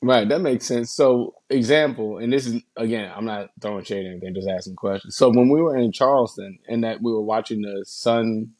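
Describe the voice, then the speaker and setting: A man co-hosting a casual podcast, telling animated stories full of swearing and casual slang. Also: on the low side, brisk, few pauses, dry recording. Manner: animated storyteller, swears a lot, says bro. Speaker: podcast co-host.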